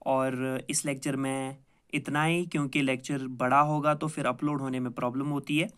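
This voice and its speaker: A man's voice: mid-range voice, level tone, normal speed, clean tone. Male tutor, recorded lecture, patient, repetitive, asks and answers his own questions, mixes in english terms. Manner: patient, repeats each point several times; poses questions then answers them. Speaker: math teacher.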